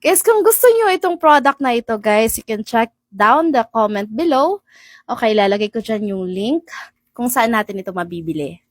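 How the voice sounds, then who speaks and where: A woman's voice: a little high, sing-song, moderate pace, dry recording. Chatty woman vlogger on a lapel mic. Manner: chatty, calls out hellos to viewers, laughs often. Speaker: vlogger reviewing a wireless mic. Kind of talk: casual product demo vlog. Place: home and outdoor yard. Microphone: wireless lapel mic.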